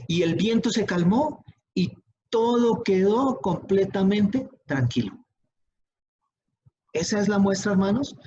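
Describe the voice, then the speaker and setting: Man preaching, slightly high voice, emphatic, checks in with listeners often, dull lo-fi audio. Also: background noise. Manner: repeats "¿sí?" to check in with the congregation; emphatic, rising on questions, slowing on key words. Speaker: pastor. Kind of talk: sermon.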